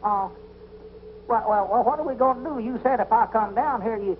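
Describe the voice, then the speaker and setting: An actor playing a fretful, easily fooled old storekeeper with a whiny, stammering country drawl, heard on a tinny old film soundtrack. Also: male voice, extremely high pitch, a little fast, slight background noise. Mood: puzzled.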